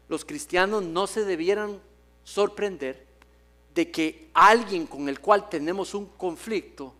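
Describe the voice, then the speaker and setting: A man's voice: sits high, a bit bright. A male pastor preaching a sermon in a church, telling stories with humor and acting out the voices he quotes. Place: church sanctuary.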